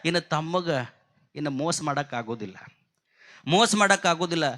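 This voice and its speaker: A man voicing a defeated village elder brother with a North Karnataka accent, pleading low and repeating himself. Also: expressive, normal speed, pushed and bright. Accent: North Karnataka Kannada.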